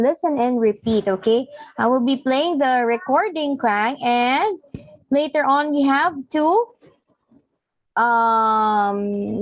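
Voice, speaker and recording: Woman english tutor, patient, corrects gently, talks slow, dry close mic. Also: a little high, no room sound. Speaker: English teacher. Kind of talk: one-on-one English lesson.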